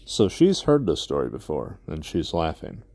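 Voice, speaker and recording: A man pausing a clip to comment wryly on what was said. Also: extremely low pitch, huge pitch swings, noisy background. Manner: wry, sarcastic asides. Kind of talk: reaction commentary.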